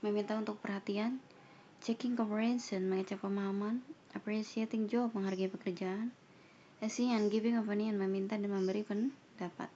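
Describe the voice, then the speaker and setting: Woman teacher for an online English lesson, reading lines slowly and then translating, with a dull, faintly noisy recording. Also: medium pitch, steady tone, mellow. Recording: dull lo-fi sound with faint noise.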